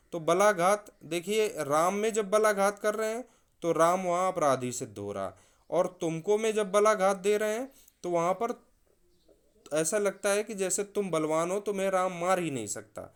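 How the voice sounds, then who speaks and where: A man's voice: high voice, clear, resonant tone. A man teaching a recorded video lesson, explaining with spoken examples and stressing words to show their meaning.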